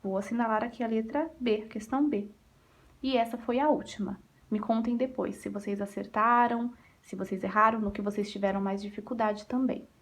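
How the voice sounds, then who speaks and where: Patient Brazilian teacher explaining exercises. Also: female voice, a little high, steady tone, fairly quick. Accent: Brazilian Portuguese. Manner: patient, explanatory, asks and answers her own questions. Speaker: primary school teacher. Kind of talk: recorded remote class lesson, going over exercises.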